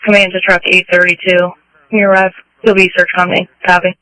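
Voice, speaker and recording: A man's voice: sits high, completely flat delivery, quick pace, pushed and bright, clean tone, no echo, low-quality recording. A man giving terse, procedural orders as a fireground commander over two-way radio. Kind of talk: emergency radio dispatch traffic, giving orders. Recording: dry, radio transmission.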